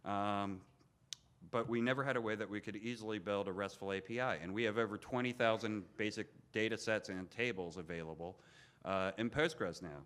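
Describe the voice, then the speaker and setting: A man's voice: on the low side, normal speed, fairly bright tone. A man giving an informal technical lightning talk as a conference speaker.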